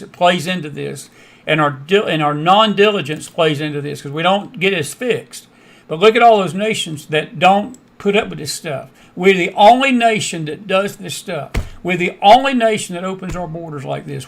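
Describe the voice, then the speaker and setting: A man's voice: high voice, creaky, a bit bright. An American man hosting a political commentary show, emphatic and prone to repeating his phrases for stress. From United States. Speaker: host; Bible teacher.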